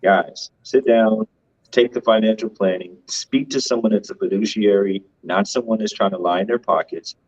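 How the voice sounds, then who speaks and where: A man's voice: on the low side, fairly even intonation, normal speed, highs cut off. A man co-hosting a finance show, giving casual, emphatic commentary and tagging his points with "right?".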